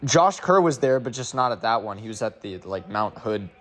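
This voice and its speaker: A man's voice: fairly low pitch, expressive, moderate pace, fairly bright tone. A young man chatting casually as a running vlogger, rambling with lots of filler words and slang. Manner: rambling, full of "like" and "bro".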